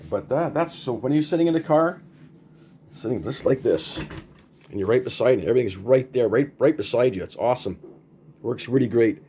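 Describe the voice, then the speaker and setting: An older man with a mid-range, slightly mellow voice talks a little fast over faint background noise. He rambles and repeats himself in plain words, giving a casual, unscripted hands-on demo like a hobbyist showing off something he built at home.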